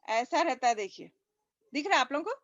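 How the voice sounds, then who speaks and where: A woman's voice: high voice, lively intonation, a bit bright, dry recording. A woman teaching a recitation class over a video call, patiently repeating each sound for her students. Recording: dull lo-fi online call audio.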